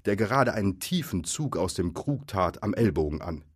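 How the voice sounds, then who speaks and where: A man reading a storybook aloud, lively and expressive, in a low voice. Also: normal speed, slightly rough. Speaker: narrator.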